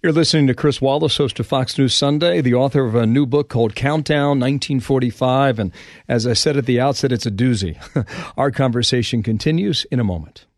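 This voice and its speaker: A male podcast host with a gravelly, mid-pitched voice asks conversational questions. He checks details with his guest as he goes. The sound is dry and close. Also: fairly quick, no room sound. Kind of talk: podcast interview.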